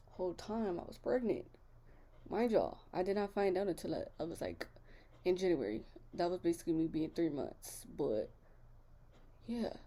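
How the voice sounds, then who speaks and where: A woman's voice: mid-range voice, mellow. A young woman, chatting candidly to her viewers in a casual vlog, full of fillers. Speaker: vlogger. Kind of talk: casual chat.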